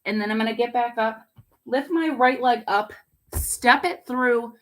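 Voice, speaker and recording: A woman yoga instructor guiding a home yoga class in a relaxed way, with a raspy voice and pollen congestion. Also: a little high, normal speed, slight background noise. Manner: relaxed, cueing poses with fillers. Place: home under construction. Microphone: laptop camera.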